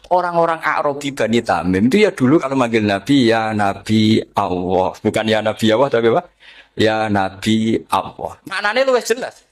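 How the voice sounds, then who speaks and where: A middle-aged man giving a religious study lecture, explaining Quranic readings and slowly chanting Arabic phrases. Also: fairly high pitch. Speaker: Islamic preacher.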